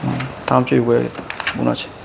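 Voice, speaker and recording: A male teacher giving a classroom lecture on exam questions, brisk and instructive, checking in often with quick rhetorical questions. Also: mid-range voice, monotone, creaky, background noise. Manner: brisk, instructive, keeps students marking text.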